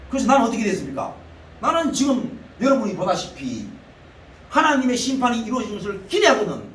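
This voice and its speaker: A man with a Daegu-area Gyeongsang accent delivers a sermon, his high voice swinging widely in pitch. He speaks bluntly and colloquially, firing off rhetorical questions. The recording is echoey and distant, as if taken from far off in a church hall with faint hiss. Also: fairly bright tone. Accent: Gyeongsang (Daegu) Korean. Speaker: pastor. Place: church sanctuary.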